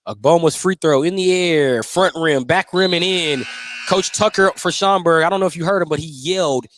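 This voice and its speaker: With a voice on the high side, a bit bright and at normal speed, a male radio announcer calls a basketball game live from courtside in an indoor gym. There's no echo, but live gym noise and a bouncing basketball run behind him.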